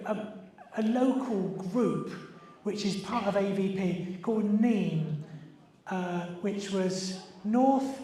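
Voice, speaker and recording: A sixty-year-old British man with a high voice and a darkish tone hosts a birthday party quiz, chatting informally to a group. He's recorded from a distance in a very echoey room at a live party.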